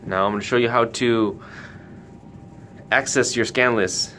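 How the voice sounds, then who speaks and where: A male host for a retailer leads a casual, hands-on product tutorial, carefully explaining what to do step by step. He keeps a measured pace and steady tone, with a pushed, bright sound. The audio has a low rumble and noticeable background noise.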